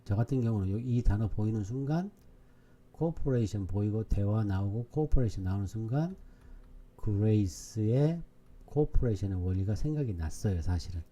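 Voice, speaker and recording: A man's voice: on the low side, expressive, normal speed, mellow. A male teacher giving an online exam-prep English lecture, repeatedly asking his students questions and answering them himself. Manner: repetitive, drilling questions to students.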